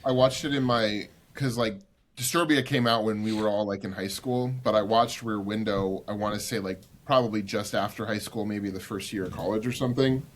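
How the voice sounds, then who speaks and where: Low-voiced man chatting loosely. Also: brisk. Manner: loose, meandering, many "like" fillers. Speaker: podcast co-host. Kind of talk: casual chat.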